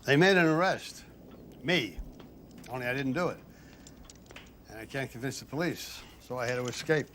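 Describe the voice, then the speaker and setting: A man's voice: mid-range voice, expressive, normal speed, pauses often, fairly bright tone, a little hiss or hum, lightly acted. An actor playing an irrepressible older father on the run, American accent, insistent and wisecracking, in a comic film.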